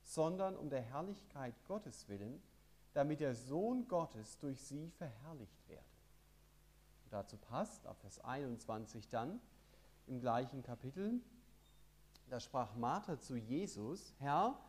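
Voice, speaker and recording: A man preaching a sermon with lively emphasis, reading scripture passages aloud. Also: mid-range voice, a little slow.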